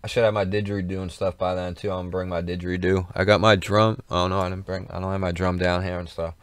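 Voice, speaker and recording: A man's voice: sits low, little pitch movement, quick pace, clean tone, no echo. A man co-hosting a casual livestream, chatting in a rambling, repetitive way with plenty of swearing. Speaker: livestream co-host.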